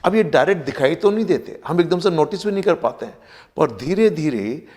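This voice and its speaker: A man's voice: on the high side, lively intonation, fairly quick, darkish tone. A man teaching vocabulary in a lesson, explaining patiently, spelling words out letter by letter and repeating pronunciations. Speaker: vocabulary teacher for competitive exams. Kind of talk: Hindi-English mixed vocabulary lesson. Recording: long reverb.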